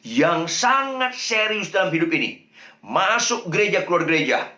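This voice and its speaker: A man's voice: lively intonation, moderate pace, sharp tone, reverberant. A man with an Indonesian accent preaching a sermon as pastor, emphatic, repeating key phrases for weight. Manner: emphatic preaching with repetition and pitch swings. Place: church sanctuary.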